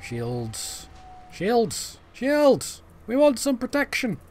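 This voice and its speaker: His voice is very high, the pitch swooping wildly, words drawn out, with a darkish tone. This young British man is casually commentating a live game stream, rambling self-deprecatingly and chatting to viewers as he fiddles with menus.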